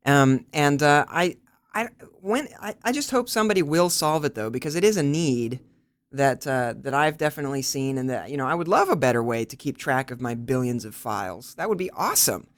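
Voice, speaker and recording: A man's voice: medium pitch, brisk, no echo. A man co-hosting a podcast, speaking candidly and poking fun at himself. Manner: candid, self-deprecating, animated. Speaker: podcast co-host. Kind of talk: casual chat.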